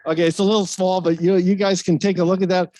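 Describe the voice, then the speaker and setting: Man, high-pitched, dry close sound; casual rambling tribute speech, stumbles and chuckles at himself. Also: level tone, quick pace, warm tone, no room sound. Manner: rambling, self-deprecating, with fillers and laughs. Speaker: speaker at a retirement ceremony. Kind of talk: informal ceremonial speech. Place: event stage.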